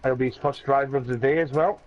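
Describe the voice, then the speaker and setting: A man's voice: medium pitch, steady tone, fast. A man co-commentating a sim racing league, chatty and finishing his partner's calls.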